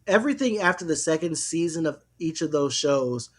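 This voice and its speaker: A man in a casual chat with friends, talking in a relaxed, reflective way and drawing out his phrases. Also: a little high, moderate pace, breathy edge.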